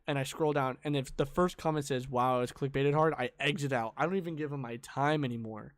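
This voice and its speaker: A man's voice: mid-range voice, fairly quick, dry recording. A young man co-hosting a podcast in casual chat, rambling and slangy with lots of fillers, at a home mic in his room. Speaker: podcast co-host.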